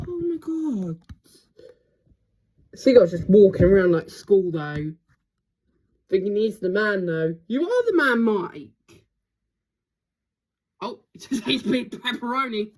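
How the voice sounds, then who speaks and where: A woman filming birds through a window at home, giving casual, excitable commentary full of gasps and exclamations. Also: medium pitch, takes it slowly, long pauses. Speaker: birdwatcher filming her garden.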